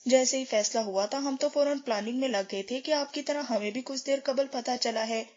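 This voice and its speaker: A woman narrating a novel as an audiobook, reading every character's lines in a steady storytelling manner. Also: sits high. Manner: steady storytelling, shifts tone for dialogue. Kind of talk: scripted novel reading, voicing all characters. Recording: dull lo-fi recording.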